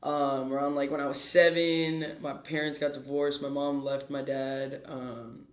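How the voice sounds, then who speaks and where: A man's voice: mid-range voice, level tone, a little slow. A man in his twenties from Peru, a guest in a casual interview, talking in a hyper, brash way and swearing freely. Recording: echoey room.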